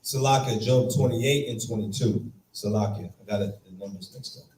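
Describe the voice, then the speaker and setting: A man's voice: lowish voice, moderate pace, darkish tone, slight background noise. Emphatic man teaching in an echoey room. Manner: emphatic, fires rhetorical questions at the class. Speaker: Bible class teacher. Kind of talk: classroom scripture teaching. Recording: echoey room from far off, faint ambience.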